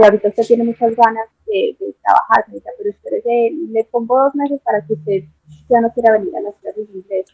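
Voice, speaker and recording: A young Colombian woman with a Colombian accent, telling her story as an interview guest in a casual, animated way and acting out the exchanges she quotes. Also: a little high, breathy edge, dry recording. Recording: tinny dry phone-like line.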